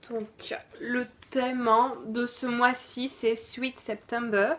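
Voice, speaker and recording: Woman, unhurried unboxing vlogger, slightly high voice, hesitant with fillers, faint hiss. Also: level tone, fairly bright tone. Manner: hesitant, lots of fillers and self-corrections. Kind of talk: casual product review.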